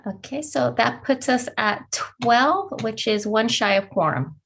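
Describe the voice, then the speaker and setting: A woman reads a formal roll call very slowly. Her voice is average in pitch with a marked creak, like a clerk working through a list. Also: a bit bright, a little hiss or hum.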